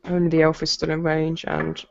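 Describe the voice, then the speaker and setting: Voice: medium pitch, completely flat delivery, normal speed, vocal fry. A game master running a tabletop game, chatty and joking, often correcting themself mid-sentence. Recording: dull lo-fi recording with faint noise.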